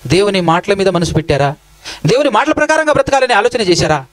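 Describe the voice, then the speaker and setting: A man's voice: high-pitched, lively intonation, fast talker, poor audio. A male preacher with a Telangana Telugu accent, giving a sermon in a church and questioning and scolding the congregation directly. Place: church hall.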